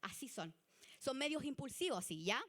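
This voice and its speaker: A woman with a Chilean Spanish accent giving a church youth leadership lesson, chatty and animated. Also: high voice, normal speed. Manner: chatty and animated, acts out example people.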